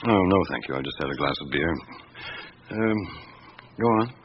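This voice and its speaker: An actor with a British accent playing a patient, probing police inspector in a radio drama, with terse, deliberate questioning. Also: male voice, extremely low pitch, animated. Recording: muffled, hissy old radio recording.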